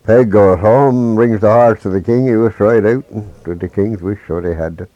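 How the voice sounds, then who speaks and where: Man, folk tale storyteller, low dark voice, halting dialect speech, dull lo-fi recording. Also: no echo. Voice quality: dialect grammar, halting with restarts. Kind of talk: traditional folk tale telling.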